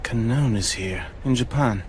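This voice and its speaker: A man voicing a calm, protective, serious character in an English anime dub. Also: medium pitch, moderate pace, noisy background, lightly acted. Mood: calm, concerned.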